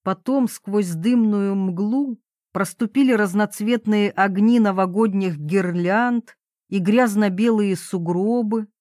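Slow, expressive woman audiobook narrator. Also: medium pitch, no room sound, studio quality. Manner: expressive storytelling, acting out dialogue. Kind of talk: scripted narration.

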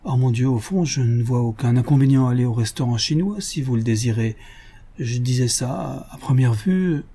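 A man reading a storybook voices a timid, portly middle-aged gentleman from the provinces who speaks hesitantly and politely. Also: medium pitch, normal speed, breathy edge.

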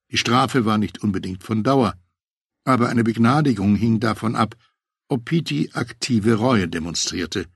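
Guy reading a memoir audiobook, low husky voice, dry close mic. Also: dry recording. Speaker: audiobook narrator.

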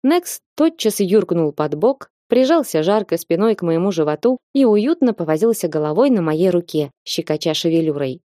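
A woman narrating an audiobook in a lively way and acting out the characters. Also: on the low side, normal speed, hardly any pauses, no echo, studio quality. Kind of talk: audiobook reading.

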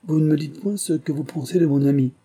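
A man voicing an impatient, fussy gentleman of fashion in a read novel. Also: fairly high pitch, quick pace, husky, pitched above the performer's own voice.

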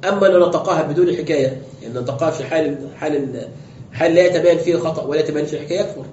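Male sheikh, brisk lecturer, higher voice, dull roomy recording. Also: dark tone, slight background noise. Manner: explains step by step, asks rhetorical questions. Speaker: sheikh teaching tafsir and fiqh. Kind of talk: classroom lecture with questions.

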